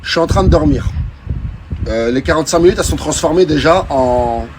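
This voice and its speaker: A man telling a casual personal anecdote in an animated way, repeating phrases for emphasis and acting out what people said. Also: a little high, brisk, noisy background. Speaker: storyteller.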